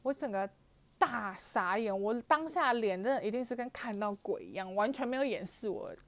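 With a slightly high voice, lively intonation, and a moderate pace, a young vlogger retells a personal story to camera. She has a Taiwanese Mandarin accent and speaks animatedly, using lots of fillers and exclamations.

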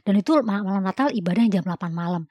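A woman, a church music committee member, telling a story in a lively, slangy way and mixing in English words. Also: mid-range voice, rapid-fire, husky, no room sound, highs cut off. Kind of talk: casual storytelling monologue.

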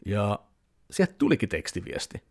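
A man in his thirties talking casually to camera, rambling with many fillers as he tells a story and quotes people in lively voices. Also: lowish voice, gravelly. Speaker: vlogger.

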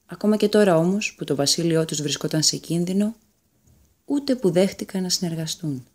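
A woman narrating a fairy tale in a calm, measured storytelling manner. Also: on the low side.

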